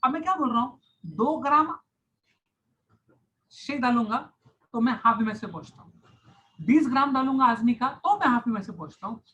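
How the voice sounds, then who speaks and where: Male science tutor, online lecture, bright and crisp tone, repetitive step-by-step explaining. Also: very high voice, expressive, moderate pace, pauses often, muffled recording. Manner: repeats key phrases, mixes English terms into Hindi. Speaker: science teacher.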